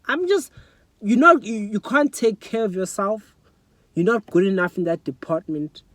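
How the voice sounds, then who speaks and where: A man's voice: high-pitched, normal speed, fairly bright tone, dry recording. A young man from South Africa talking earnestly and emotionally to his phone camera in a personal vlog, often asking "you know what I'm saying". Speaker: vlogger. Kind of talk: personal reflective monologue. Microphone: phone front camera.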